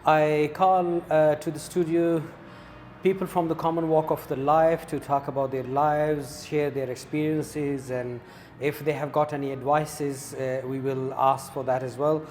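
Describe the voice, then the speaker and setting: Halting male interview host. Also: a little high, level tone, darkish tone, a little hiss or hum. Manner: halting, many fillers and restarts. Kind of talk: casual interview. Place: coffee shop.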